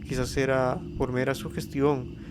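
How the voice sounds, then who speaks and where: A man narrating a horror story as scripted narration, reading in a steady, even way. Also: mid-range voice, unhurried, background noise. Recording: eerie ambience under the voice. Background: spooky ambience and effects.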